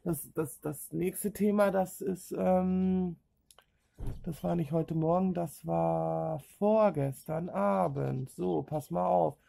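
A middle-aged woman, telling a story casually to her camera at home in an excitable, chatty way, acting out what people said. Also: fairly low pitch, slow pace, creaky. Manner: chatty, excitable, acts out dialogue. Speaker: vlogger. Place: at home indoors. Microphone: camera in front.

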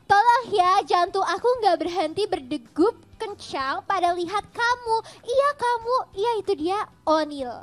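A woman's voice: very high voice, animated, unhurried, few pauses. A young woman in an idol group, reading fan tweets aloud during a stage talk segment in a playful, giggly way. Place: theater stage.

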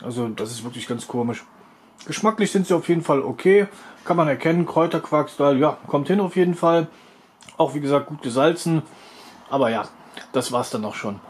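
A man's voice: fairly high pitch, a little fast, a little hiss or hum. A man hosting a food review video, talking casually as he narrates a taste test.

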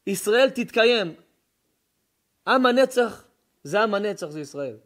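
A man who is a rabbi, giving a Torah lesson as a sermon, telling stories with feeling and swinging between hushed words and loud cries. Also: high-pitched, lively intonation. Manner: emotional storytelling, swings between hushed and shouting.

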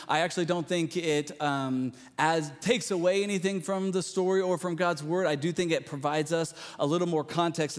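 An earnest male pastor preaching in a conversational way, his voice sitting on the higher side for a man. He often restarts his sentences, and each phrase trails off into the long reverb of a church sanctuary. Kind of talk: sermon.

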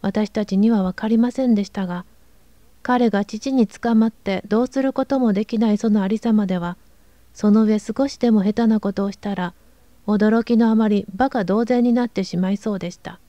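Casting: woman audiobook narrator, mellow dark tone, calm even reading, dry close mic. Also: mid-range voice, a little fast, dry recording, muffled recording.

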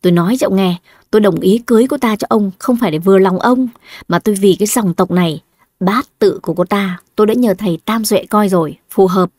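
Cutting, jealous first wife, voiced by a husky-toned woman, dry close sound. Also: medium pitch, a little mellow, no room sound, close to an everyday voice. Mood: scornful. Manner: cutting, nagging, quick retorts. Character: sharp-tongued scheming older first wife.

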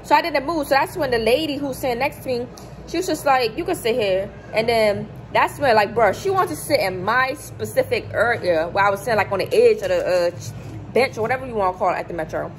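An animated vlogger in her twenties, with a higher voice, tells a casual storytime from a hotel room, acting out the people she quotes in an even higher voice. She speaks briskly into a phone camera held close below her face, and the low-quality recording has a little hiss or hum.

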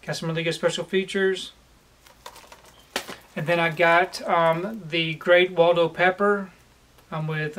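A man in his forties talks in a relaxed, plain way, filling the gaps with um. His voice sits fairly high for a man. He sits at home in a room lined with shelves and speaks toward the camera. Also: slight background noise. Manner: relaxed and plain, with frequent "um" pauses. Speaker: collector vlogger. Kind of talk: casual haul video.

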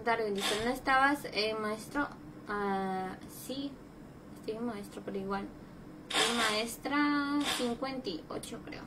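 A young woman chatting casually with viewers on a gaming livestream, greeting them and breaking into loud exclamations. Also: sits high. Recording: loud background noise.

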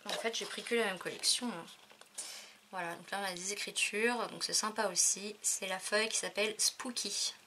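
A woman's voice: mid-range voice, moderate pace, background noise. A French woman chatting casually through a crafting haul video, with many fillers as she shows her purchases. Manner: chatty, many fillers, counting and showing items. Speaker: crafting vlogger.

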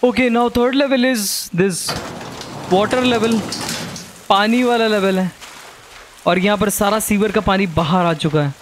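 Young male gamer, high voice, jumpy horror commentary, light hiss under it. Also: slow pace, long pauses. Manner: jumpy, swears, mixes Hindi and English. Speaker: gaming streamer.

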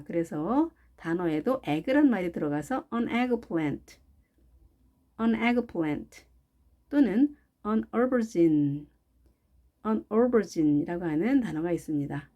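A woman whose first language is Korean, teaching English vocabulary and repeating each word slowly and carefully. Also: lowish voice, warm tone. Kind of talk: vocabulary lesson.

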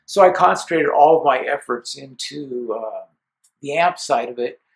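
A man's voice: mid-range voice, moderate pace, low-quality recording. A middle-aged man from Seattle casually recounting his early years building amps, acting out quoted lines. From Seattle, USA. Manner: relaxed storyteller, acts out his own and others' quoted lines. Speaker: amp builder telling his story. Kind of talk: casual storytelling interview.

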